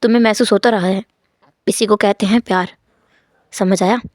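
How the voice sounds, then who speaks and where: A woman voicing a tender, devoted young husband who speaks gently and low, in a read-aloud fanfiction story. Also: steady tone, moderate pace, no room sound, studio quality, lightly acted.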